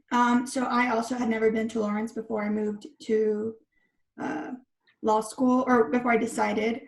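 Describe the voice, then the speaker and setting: A woman's voice: fairly high pitch, little pitch movement, a little slow. A young woman in her twenties from Texas, a law student answering casually with lots of fillers. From Texas, USA. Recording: roomy echo.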